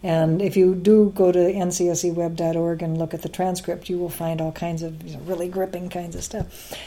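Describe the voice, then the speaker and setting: Appearing as an interview guest, this middle-aged science education advocate has a mellow, fairly low voice that moves little in pitch and a brisk pace. Her talk is chatty and relaxed, full of laughter, false starts, and fillers.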